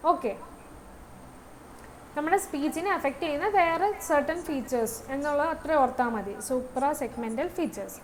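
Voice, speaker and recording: A woman with a high, light voice teaches a class. She moves between English terms and her own language and pauses to check that her students follow. A faint hum sits under her voice. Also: low-quality recording. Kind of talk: online class lecture.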